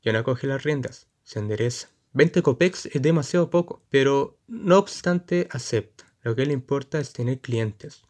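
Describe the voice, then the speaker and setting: A man narrating a short story in a measured, descriptive reading. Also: medium pitch, expressive, a little mellow.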